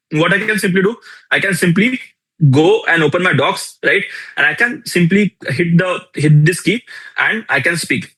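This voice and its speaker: Running a live online workshop to demo a tool, this young instructor speaks Indian English with plenty of energy, repeating key lines and questioning the audience. His voice is a bit high, husky and sharp, and the audio quality is poor.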